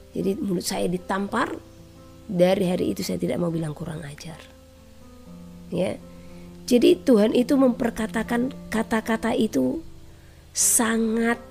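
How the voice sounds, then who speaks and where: A woman preacher giving a sermon with personal testimony, telling her story in an animated way and often adding "ya". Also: medium pitch, creaky. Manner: animated storytelling, frequent "ya" tags.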